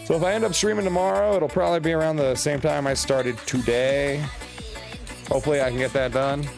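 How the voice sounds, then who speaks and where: A man's voice: fairly high pitch, fairly even intonation, brisk, vocal fry, darkish tone. A man streaming a story game, joking casually and reading the dialogue aloud. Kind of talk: casual let's-play commentary. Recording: game music faint behind.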